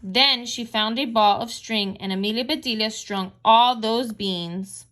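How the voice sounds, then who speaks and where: A woman's voice: a little high, unhurried, fairly bright tone. A woman reading a children's book aloud, announcing each page turn. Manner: announces page turns, chuckles. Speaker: reader.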